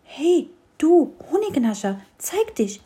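A woman voicing a small, kind and gently teasing fir tree in a children's storybook. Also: on the high side, expressive, normal speed, voice pushed up, lightly acted. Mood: friendly.

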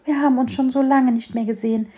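A woman voicing a small, curious young fir tree in a storybook reading, eager and bright-voiced. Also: high voice, fairly even intonation, fast talker, voice pushed up, close to an everyday voice.

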